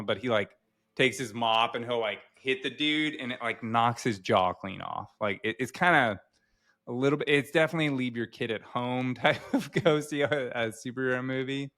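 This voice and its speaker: A man co-hosting a casual podcast, rambling with lots of fillers and animated asides. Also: medium pitch. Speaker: podcast co-host, physician.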